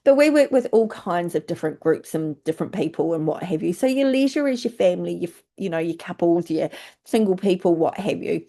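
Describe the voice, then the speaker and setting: Chatty New Zealand woman, mellow voice. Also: lowish voice, animated, a little fast. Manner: chatty, lots of fillers. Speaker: travel agent recruiter. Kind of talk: informal presentation.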